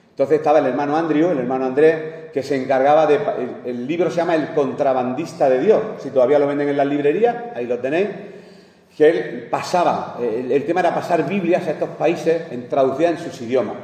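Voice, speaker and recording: A man's voice: mid-range voice, mellow, recorded from a distance. Echoey, conversational male preacher from Spain. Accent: Spanish from Spain. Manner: conversational, jokes with the congregation, chuckles often. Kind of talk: sermon. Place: church hall. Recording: echoey hall, voice from afar.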